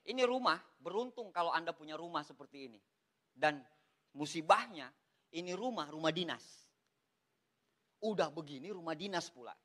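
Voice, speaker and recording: A man giving a lively, joking motivational talk, repeatedly addressing his audience as "Pak". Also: high-pitched. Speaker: MLM motivational speaker.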